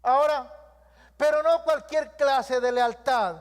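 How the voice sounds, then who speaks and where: High-voiced preacher in echoing hall. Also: male voice, slow. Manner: call-and-response preaching with repeated lists. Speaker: pastor. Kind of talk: sermon. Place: church hall. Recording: long reverb of a church hall.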